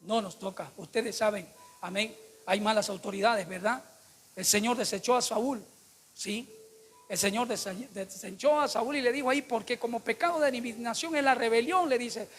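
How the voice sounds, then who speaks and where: A man's voice: very high voice, normal speed, fairly bright tone. A man preaching a sermon to his congregation, emphatic and full of rhetorical questions put to the listeners.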